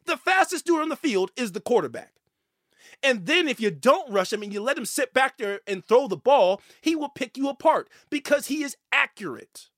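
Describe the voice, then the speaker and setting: Sports talk host, man, high-pitched, heated opinion rant, dry close sound. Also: normal speed, no echo. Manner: animated, ranting, stammers when worked up.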